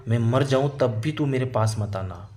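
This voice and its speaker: A man's voice: medium pitch, moderate pace, dark tone, close to an everyday voice. A man voicing a stubborn, angry elderly mother-in-law who scolds harshly in a storybook tale. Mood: angry scolding.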